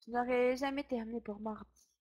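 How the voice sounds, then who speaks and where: A worried, grumbling father from a children's storybook, voiced by a woman reading aloud. He sounds exasperated and short-tempered. The voice stays fairly high. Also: steady tone, a little fast, a little mellow, close to an everyday voice.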